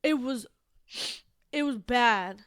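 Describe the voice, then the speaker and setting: Brief: female podcast co-host, casual sports chatter, bright-pitched and smooth, dry close sound, lots of "like" and cursing. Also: slow, no room sound. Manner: rambling, swears freely, many fillers.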